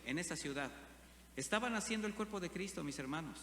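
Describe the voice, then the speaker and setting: A man's voice: sits high, lively intonation, brisk, fairly bright tone. A man preaching a sermon, often asking the congregation questions. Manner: asks the congregation frequent rhetorical questions. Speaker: pastor. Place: church hall. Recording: reverberant church hall with faint hum.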